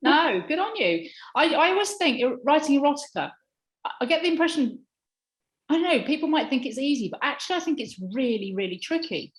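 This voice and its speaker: A woman's voice: sits high, big pitch swings, a little fast. A woman co-hosting a casual chat show over a video call, talking effusively. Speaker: co-host. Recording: echoey room on video call.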